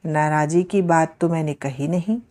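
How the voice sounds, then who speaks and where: A woman doing a soft-spoken gentle wife. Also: low-pitched, normal speed, lightly acted. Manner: soft, tender.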